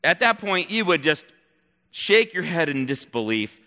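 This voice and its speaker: Man spinning a you-are-there story, slow and lively, lots of dramatic pauses, echoey hall. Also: fairly high pitch. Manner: animated, expressive, dramatic pauses. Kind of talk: second-person storytelling. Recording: long hall reverb.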